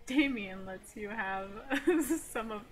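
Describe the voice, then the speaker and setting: A woman's voice: mid-range voice, slow. A woman livestreamer reading a game aloud with casual asides, often giggling as she reads. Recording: music behind the voice.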